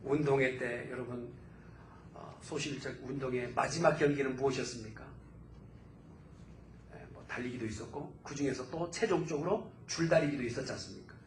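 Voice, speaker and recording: A man pastor preaching a fervent sermon in a church, his voice swelling to loud exclamations. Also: mid-range voice, normal speed, a little hiss or hum. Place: church sanctuary. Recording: roomy church echo.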